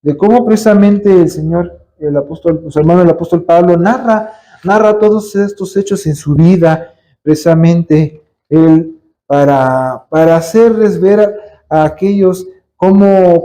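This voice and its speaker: A man with a Mexican accent preaches a sermon in church, his voice high-pitched yet soft and mellow. He keeps calling out to the congregation as brothers and sisters and asks them question after question, leaving them hanging. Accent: Mexican Spanish. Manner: addresses listeners as brothers, rhetorical questions.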